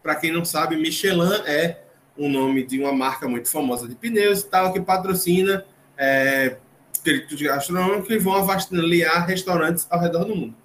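A man's voice: a little high, normal speed, a bit bright. A male host leads a casual podcast with chatty, joking recaps. His voice sits in a roomy, echoing space. A faint background hiss runs under it. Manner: chatty, recaps with jokes and asides. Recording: roomy echo, faint noise.

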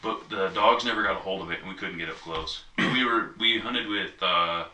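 A man's voice: low-pitched, normal speed, pushed and bright. A man in casual chat, telling a long, easygoing story with many asides. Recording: echoey room, mic at a distance, faint noise.

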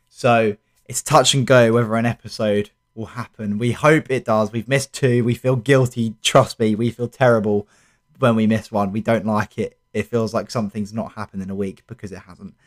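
A man's voice: fairly low pitch, steady tone, normal speed. A young man with a South London accent, co-hosting a sports podcast in casual chat. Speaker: podcast co-host.

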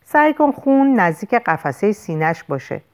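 A woman voicing a firm, steady female paramedic giving urgent orders, in an audiobook. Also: mid-range voice, smooth, lightly acted.

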